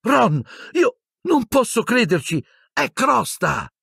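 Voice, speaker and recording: A frantic, bossy teenage schoolgirl in an audiobook, as a man pitches his voice up high for her. She pleads in hushed, urgent bursts. The recording is dry and close, with a husky grain. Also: lively intonation, normal speed, no room sound, exaggerated voice. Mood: urgent, distraught. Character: anxious bossy schoolgirl, teen.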